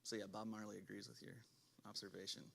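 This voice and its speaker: A man's voice: fairly low pitch, little pitch movement, fast, vocal fry, a bit bright, a little hiss or hum. A man pastor leading a casual group discussion on scripture. He talks in a loose, chatty way, laughs easily and restarts his sentences as he goes. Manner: chatty, self-interrupting, laughs often. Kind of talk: conversational Bible study talk.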